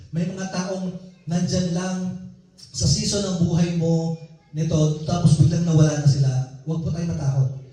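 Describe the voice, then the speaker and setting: High-voiced preacher man in an echoey hall. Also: warm tone, distant mic. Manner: personal, conversational storytelling preaching. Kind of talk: sermon.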